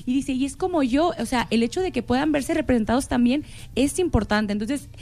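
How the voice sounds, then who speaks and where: Mexican woman, slightly high voice, earnest casual talk, repeats words. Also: fairly quick, darkish tone. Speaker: podcast co-host. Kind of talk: casual panel chat.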